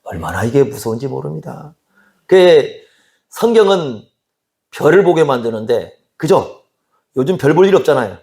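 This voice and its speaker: A man's voice: mid-range voice, big pitch swings, normal speed, vocal fry, long pauses, a little mellow. A man preaching a sermon in a conversational way, often asking the congregation questions and acting out quoted dialogue. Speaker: pastor.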